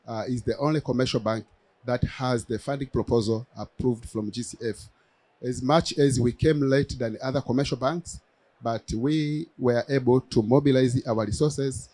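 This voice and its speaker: Male panelist, Tanzanian accent, formal and hesitant delivery, mid-pitched voice, very dry sound. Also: mellow, no echo. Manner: halting, with frequent pauses and hesitations. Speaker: bank representative and panelist.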